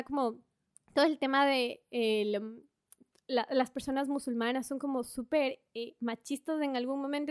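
A woman, a podcast guest telling a travel story in a chatty, animated way with many fillers. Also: high-pitched, no echo, studio quality. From Ecuador. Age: 20s. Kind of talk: casual storytelling in conversation.

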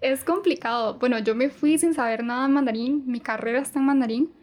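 A young woman, a university student, talking calmly as a podcast guest. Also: high voice, brisk. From Costa Rica. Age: young adult. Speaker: podcast guest, Mandarin teacher. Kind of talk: casual podcast chat.

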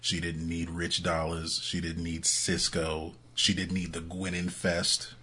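A man with a very deep, slightly husky voice co-hosts a casual podcast. He chats loosely, with fillers and frequent laughter, running through plugs and music news. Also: monotone, measured pace, bright, forceful tone. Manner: chatty, laughs often, fillers. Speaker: podcast co-host.

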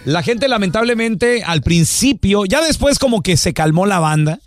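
High, animated comedy host. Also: male voice, moderate pace, no echo. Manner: rambling, laughing, teasing. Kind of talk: casual comedy chat.

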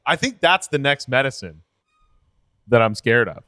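A laid-back man chats casually on a podcast, mostly giving short agreeing answers and quiet jokes. His voice is in a middle register. The recording is dry, with no room sound. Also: medium pitch, sing-song, moderate pace, no echo. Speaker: podcast co-host. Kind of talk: casual chat.

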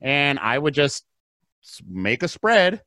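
Animated man talking real estate. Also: fairly high pitch, slow, dry recording. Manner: animated, swings from hushed to emphatic. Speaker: podcast guest. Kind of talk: casual podcast talk. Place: Arizona.

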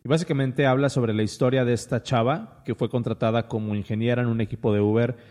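A man's voice: medium pitch, fairly even intonation, quick pace, a little mellow, big-room sound. A man with a Mexican accent hosting a casual podcast chat, rambling with many restarts and fillers. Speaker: podcast host.

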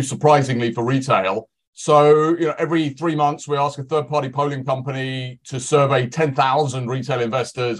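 A man speaking as an analyst on a podcast, giving conversational market commentary. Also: a little high. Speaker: financial analyst guest.

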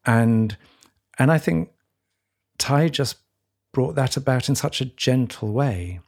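A man co-hosting a podcast, talking reflectively in a halting, searching way with many restarts. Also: mid-range voice, a little mellow. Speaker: podcast co-host. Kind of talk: reflective conversation.

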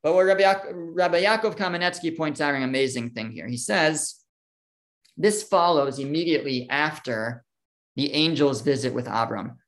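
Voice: mid-range voice, moderate pace, rough recording. Conversational teacher reading verses aloud. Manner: conversational, reads verses aloud with frequent fillers. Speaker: Torah class teacher. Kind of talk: text study lesson.

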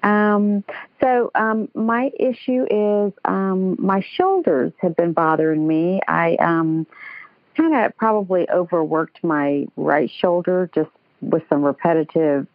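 A woman's voice: fairly low pitch, takes it slowly, dry recording. A woman calling in to a radio show over the phone, chatty and a bit hesitant with light laughs. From United States. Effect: phoned-in caller on a radio show. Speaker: caller. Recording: tinny phone line.

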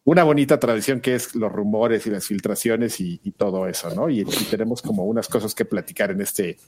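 A man's voice: on the low side, brisk, a little mellow, slight background noise. A man with a Mexican accent hosting a casual chat, speaking colloquially and a little hesitantly as he meanders through his thoughts. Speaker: host.

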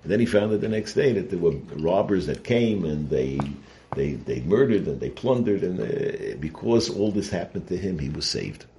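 Male religious teacher, deep voice, conversational and halting delivery, some background noise. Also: sing-song, gravelly, warm tone. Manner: conversational, halting, repeats phrases, rhetorical check-ins. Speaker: rabbi giving a Torah lesson. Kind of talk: informal sermon, Torah lecture.

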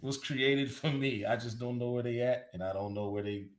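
A man's voice: medium pitch, normal speed. A man in his thirties co-hosting a casual podcast, playful and teasing, laughing often. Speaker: podcast co-host. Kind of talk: casual chat.

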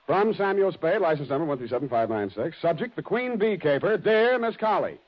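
A man's voice: on the high side, animated, brisk. A cocky American private eye from a 1940s radio drama. He talks with wry, mock-pompous swagger and a swinging intonation. The sound is a dull old broadcast. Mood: wry narrating. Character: wry, cocky hard-boiled male private detective. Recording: dull vintage radio recording.

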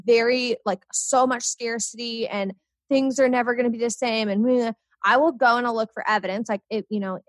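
A young woman in casual conversation, upbeat and animated, talking with lots of fillers. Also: a little high, brisk, dry recording. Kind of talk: casual chat.

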